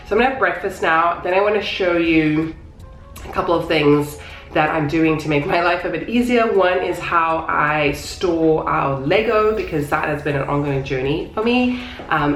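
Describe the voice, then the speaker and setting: A woman in her thirties chatting casually in a home vlog, rambling and self-deprecating, with a stuffy, nasal voice as if her nose is pinched. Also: on the low side. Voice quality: congested, pinched nasal sound. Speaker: vlogger, mother of young children.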